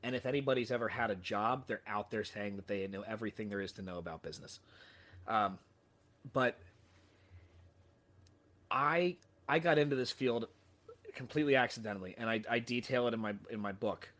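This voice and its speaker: A man's voice: fairly low pitch, brisk, long pauses, fairly bright tone. A man telling a story as a podcast guest, with lots of restarts, casual swearing and self-deprecating humor. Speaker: podcast guest, sales trainer.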